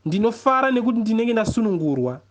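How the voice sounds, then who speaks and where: An expressive reading of a first-person literary story comes from a Zimbabwean-accented man, a poet reading a novel. His high voice swings widely in pitch, and he keeps a measured pace with deliberate pauses.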